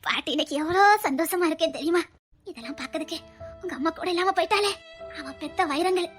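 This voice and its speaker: A woman's voice: very high voice, quick pace, faint music behind. A woman playing a proud, sentimental old grandmother with a Tirunelveli accent. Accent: Tirunelveli Tamil. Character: proud loving elderly grandmother, emotional. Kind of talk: comedy skit acting.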